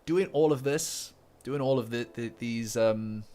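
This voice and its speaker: This manga commentary livestream host has a mellow, mid-range voice and a measured pace. He rambles casually, often using fillers, repeating words and restarting, with faint lofi guitar music behind.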